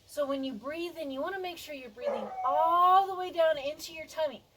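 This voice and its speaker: A woman teacher leading a class through body and voice warm-ups in an upbeat, coaxing way. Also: sits high, brisk, noisy background. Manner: upbeat, coaxing, counts aloud with energy. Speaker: music and theater teacher.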